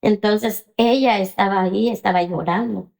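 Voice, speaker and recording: A woman, telling her own story in an interview with hesitant pauses and many fillers. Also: medium pitch, steady tone, vocal fry, a little mellow. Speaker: interview guest.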